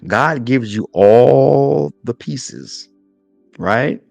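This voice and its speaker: Speaking very slowly with vocal fry, a man in his forties has a medium-pitched, slightly mellow voice, recorded with no room sound and faint music behind. He's a minister hosting a podcast, delivering a motivational faith message, repeating "right?" and grouping points in threes.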